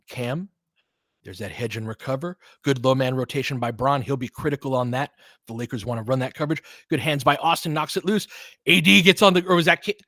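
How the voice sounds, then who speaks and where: With a mid-range voice that sounds pushed and bright, a man delivers live basketball play-by-play in clipped phrases plus casual fan-type asides between plays. The audio is studio quality with no echo.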